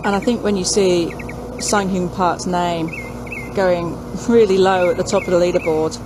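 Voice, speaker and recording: A woman's voice: on the low side, steady tone, normal speed. A woman working as a golf commentator, giving conversational analysis of players and shots. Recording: clear outdoor background noise.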